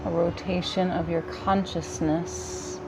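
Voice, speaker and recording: A woman guiding a yoga nidra relaxation in a calm, soothing, gentle manner with long pauses between phrases. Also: on the low side, noisy background. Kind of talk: guided relaxation meditation.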